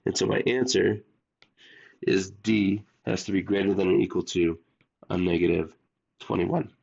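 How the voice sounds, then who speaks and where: A man with a low, gravelly voice walks students through math problems step by step, sounding under the weather. The recording is dull and lo-fi, like a homemade lesson video. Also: moderate pace. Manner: steady step-by-step explaining, talks to students directly. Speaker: math teacher.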